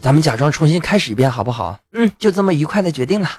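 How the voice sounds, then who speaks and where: A man's voice: on the high side, very animated, very fast, darkish tone, soft background music. A man hosting his own podcast, talking without a script in a playful, self-mocking way and often laughing as he speaks, recording alone at home at night. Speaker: podcast host. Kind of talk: unscripted comic monologue.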